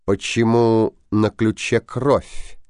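A man voicing Bluebeard, a cruel, tyrannical husband who bellows slow, drawn-out threats in a storybook tale. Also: level tone, smooth, no echo, studio quality. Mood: cold questioning. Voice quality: booming, shouting, drawn-out threats.

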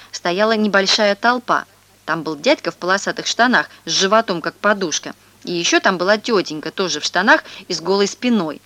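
A woman reading a children's story aloud in a lively, expressive way. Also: lowish voice, dry recording.

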